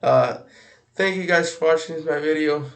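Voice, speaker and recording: Gravelly man rambling through a reaction. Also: on the high side, fairly bright tone. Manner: halting, repeats himself, slangy. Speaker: reaction video host. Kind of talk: casual reaction commentary.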